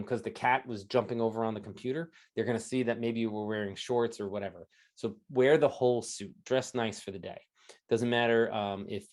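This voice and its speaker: Energetic man coaching, chatty and direct. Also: mid-range voice. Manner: energetic, conversational, often adds "right?" and "okay?". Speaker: interview coach presenting a talk. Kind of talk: lively coaching talk to an audience. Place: indoors at home, standing while presenting.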